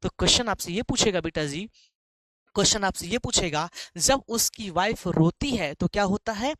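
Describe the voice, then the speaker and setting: A man's voice: sits high, lively intonation, normal speed, a bit bright, dry recording. A man teaching an English poem in a live online class, chatty and playful, calling students "beta".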